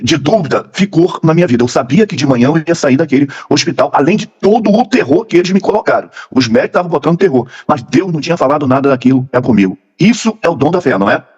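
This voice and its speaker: A man's voice: a little high, expressive, fast, few pauses, a little mellow, husky, long reverb tail, highs cut off. A man earnestly telling a personal faith testimony, in a repetitive storytelling manner. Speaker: church member giving testimony.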